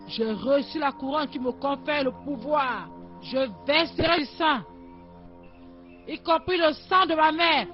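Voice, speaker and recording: An actress voicing a cruel, power-hungry young woman, commanding and scornful, in a dubbed film drama. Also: high voice. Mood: menacing. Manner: scornful, commanding, shouting at times. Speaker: cruel daughter Amaka. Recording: dull lo-fi sound with faint music.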